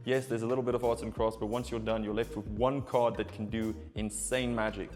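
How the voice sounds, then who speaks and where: Man, low voice, card magician patter, casual tutorial delivery, playful and chatty, music behind. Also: little pitch movement, fairly quick, a little mellow.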